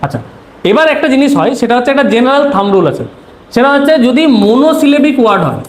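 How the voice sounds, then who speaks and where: A man's voice: very high voice, big pitch swings, quick pace. A man teaching an exam-prep grammar lesson, posing questions and answering them himself. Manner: asks rhetorical questions then answers them; repeats key terms to drill them. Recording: roomy echo, faint noise.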